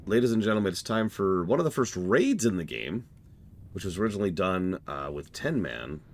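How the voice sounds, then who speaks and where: A man's voice: on the low side, expressive, a little fast, slight background noise. A man giving casual, rambling live commentary as he streams a game, explaining things as he goes.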